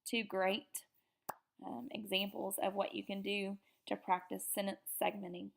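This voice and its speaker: A woman giving an upbeat slide presentation to teachers, often pausing on fillers. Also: medium pitch, flat delivery, creaky. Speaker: teacher educator. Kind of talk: presentation lecture over slides.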